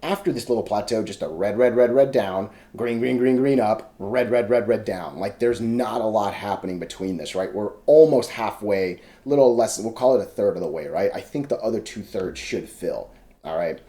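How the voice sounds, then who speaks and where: A man speaking at normal speed, with a dark, fairly low voice, rambles through stock charts in casual screen-share commentary. Hiccups punctuate his talk as he interrupts himself and slips into salty slang.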